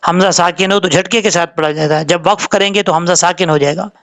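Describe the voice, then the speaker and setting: A man teaching Quran recitation rules, explaining calmly and drawing out the words he demonstrates. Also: high voice. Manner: explains slowly, drawing out Arabic words when showing them. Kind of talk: tajweed lesson with slow demonstrations.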